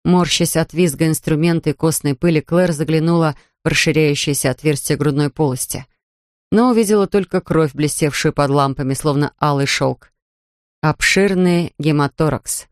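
An audiobook narrator reading a tense medical thriller scene in a measured way. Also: medium pitch, no room sound, clean studio sound.

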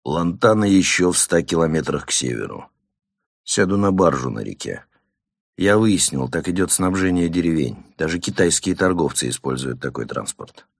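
A man voicing a calm, phlegmatic police officer who answers his father in an even tone. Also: deep voice, normal speed, creaky, dry recording, clean studio sound, heavily acted. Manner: level, even-toned replies.

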